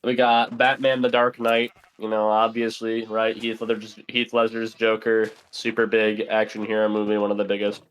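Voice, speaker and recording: A man's voice: lowish voice, monotone, normal speed, hardly any pauses, clean tone. Laid-back young man rambling casually. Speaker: podcast guest. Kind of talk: casual chat while gaming.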